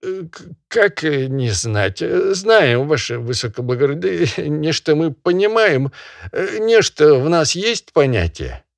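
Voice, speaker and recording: A timid old peasant poacher bleats in a high, quavering falsetto, as a man puts him on, stumbling over every phrase with nervous "e" sounds. His pitch jumps about as he pleads, and it sits in a dry, close sound for a storybook reading. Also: big pitch swings, a little slow, creaky, no echo, full character voice. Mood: fearful, pleading. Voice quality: high trembling falsetto with hesitant "e" fillers.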